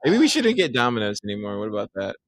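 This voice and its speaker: A man's voice: lowish voice, huge pitch swings, quick pace, slight background noise. A man co-hosting a casual live panel, chatty and playful and easily sidetracked. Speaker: co-host.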